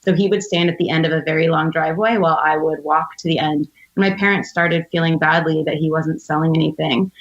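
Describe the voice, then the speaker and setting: This podcast guest talks fast with hardly any pauses, her deep voice holding a steady tone over lo-fi sound. She is an American entrepreneur in her thirties from outside Philadelphia, recounting personal stories in an articulate, reflective, conversational manner.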